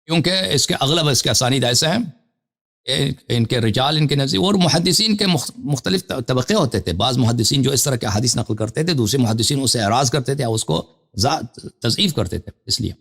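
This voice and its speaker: On a live call-in show, a Shia cleric with a fairly bright, expressive, medium-pitched voice reads Arabic sources aloud. He gives lengthy scholarly explanations and puts questions to the caller.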